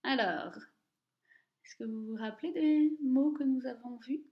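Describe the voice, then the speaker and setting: A woman teaching Tibetan reading, speaking slowly and carefully and repeating each word twice for the listener. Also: high-pitched. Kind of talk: slow, deliberate language lesson. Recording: echoey room, dull lo-fi sound.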